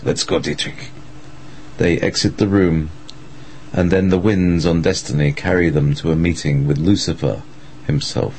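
Deep-voiced man narrating dramatically. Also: steady tone, normal speed, darkish tone, a little hiss or hum, poor audio.

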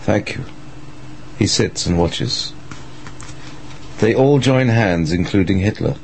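A man's voice: on the low side, slow, darkish tone, slight background noise. A man reading a scripted story as a dramatic narrator.

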